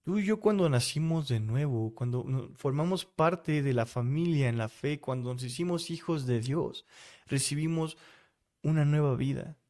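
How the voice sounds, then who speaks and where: A man's voice: a little high, moderate pace, darkish tone. A man with a Mexican Spanish accent preaching a devotional sermon, speaking straight to the listener and posing rhetorical questions.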